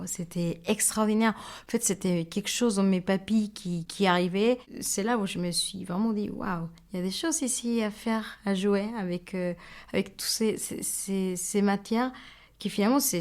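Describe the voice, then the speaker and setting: A woman, a guest baker talking casually in an interview, often searching for words and restarting. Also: medium pitch. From Mexico. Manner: searching for words, many small fillers and restarts.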